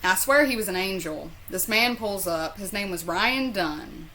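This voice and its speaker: Bright-voiced Southern woman, rambling storyteller. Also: medium pitch, expressive, a little slow, low-quality recording. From southern US, North Carolina. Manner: rambling, profane, self-deprecating. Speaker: storyteller vlogger. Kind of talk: casual chat, personal storytelling.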